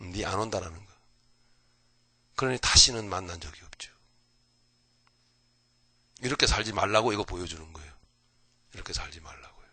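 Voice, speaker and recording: A male pastor giving an early morning Bible lecture in a folksy, animated way, jumping between loud outbursts and whispers and often asking his listeners "right?". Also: deep voice, normal speed, long pauses, slightly rough, no echo.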